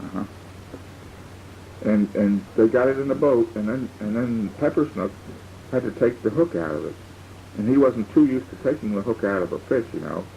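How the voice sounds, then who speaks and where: An older man, a grandfather, improvising a rambling bedtime story for a child and pausing to explain words. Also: lowish voice, expressive, gravelly, warm tone. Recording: dull lo-fi home tape with faint hiss.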